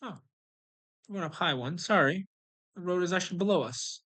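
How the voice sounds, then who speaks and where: Gamer doing a chill walkthrough, mid pitched voice, calls out each move as they play. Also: fairly quick, fairly bright tone. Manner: instructional, talks through each move as it happens. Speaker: gameplay streamer giving a walkthrough. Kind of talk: casual live game commentary.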